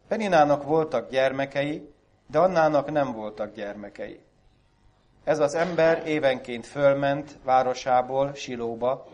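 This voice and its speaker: Man solemnly reading scripture in church. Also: medium pitch. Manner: measured, solemn reading aloud. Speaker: scripture reader in church service. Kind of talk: Bible reading at a church service.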